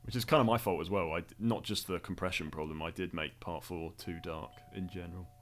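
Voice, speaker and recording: A man's voice: sits low, fairly even intonation, brisk, a bit bright. A man giving casual commentary on his own video, rambling and self-critical, laughing often.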